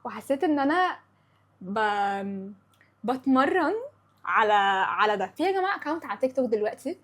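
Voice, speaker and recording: A woman's voice: sits high, animated, fairly quick. A young woman in her twenties with an Egyptian Arabic accent, hosting a casual chat podcast, chatty and opinionated, slipping English words into her talk. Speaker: podcast host.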